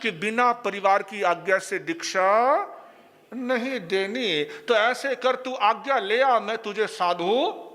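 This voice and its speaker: A man, a Jain monk, giving a storytelling sermon in a playful, animated way. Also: high-pitched, slow. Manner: animated, playful, acts out voices.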